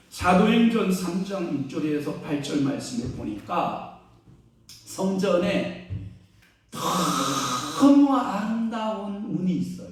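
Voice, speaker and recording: A male pastor delivers a sermon in a somewhat high, very animated voice, pitching questions to the congregation and answering them himself. He drops to a hush, then rises to loud exclaiming. The sound is heavily echoey, picked up from a distance in a large church sanctuary. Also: background noise. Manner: call-and-response questions to the congregation; swings between hushed and loud exclaiming.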